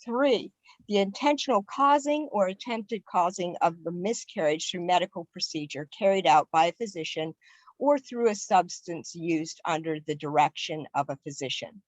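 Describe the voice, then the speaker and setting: A woman's voice: lowish voice, animated, normal speed, dry recording, low-quality recording. A woman giving an earnest online webinar presentation for a civic league, stressing key words as she speaks over a video call.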